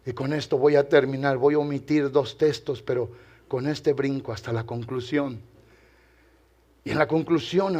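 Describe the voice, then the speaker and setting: A man pastor preaching a sermon, dropping to hushed tones and then rising to loud, exclaiming passages while addressing the congregation directly. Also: medium pitch.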